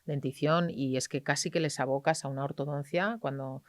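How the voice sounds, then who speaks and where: Animated woman, dry close sound. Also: a bass voice, fairly quick, no echo. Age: middle-aged. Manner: animated, acts out parents and children in quoted voices. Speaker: pediatrician guest. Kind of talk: interview conversation.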